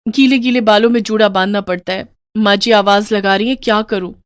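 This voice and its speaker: A woman voicing a gentle young bride in a cartoon story, speaking softly, with a hurt and pleading tone. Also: mid-range voice, fairly even intonation, fairly quick, clean tone, no room sound, natural voice. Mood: flustered.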